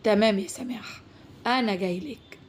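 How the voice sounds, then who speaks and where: A woman voicing a calm, firm young man with an Egyptian Arabic accent. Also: medium pitch, brisk, a little hiss or hum, natural voice.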